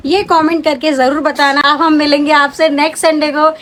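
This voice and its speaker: A woman's voice: high-pitched, level tone, brisk, fairly bright tone, slight background noise, poor audio. A talkative young woman vlogger, pregnant, chatting casually as she answers her viewers' questions. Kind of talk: casual chat.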